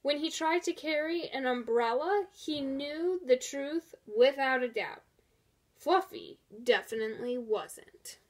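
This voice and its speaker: A woman reads a storybook aloud for children in a high-pitched voice, very measured and expressive.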